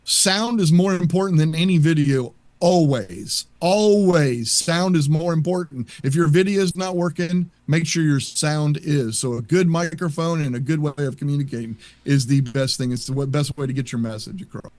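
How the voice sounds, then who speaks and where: A man's voice: fairly high pitch, fairly even intonation, brisk, hardly any pauses, a little mellow, no room sound. A man speaking as a guest panelist in a casual video call, earnest and repeating points for emphasis. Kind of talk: casual webinar chat. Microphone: video call mic.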